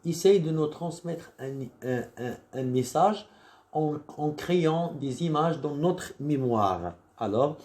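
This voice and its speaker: A man's voice: fairly high pitch, mellow. A man with a Moroccan French accent, teaching a primary school lesson. He explains step by step, often repeating words and restarting his sentences. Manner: patient, explains step by step with examples.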